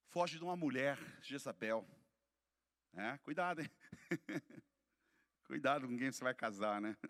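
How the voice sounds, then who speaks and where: A man with a Brazilian Portuguese accent preaching a fiery church sermon as pastor, shouting key lines and then dropping low and quiet. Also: no echo, clean studio sound, long reverb tail. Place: church hall.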